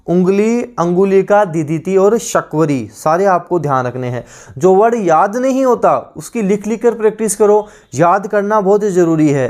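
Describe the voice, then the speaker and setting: A man's voice: high-pitched, a little mellow. A man teaching an online exam-prep class in Hindi with a Rajasthani accent, repeating word lists and stressing reminders to remember them.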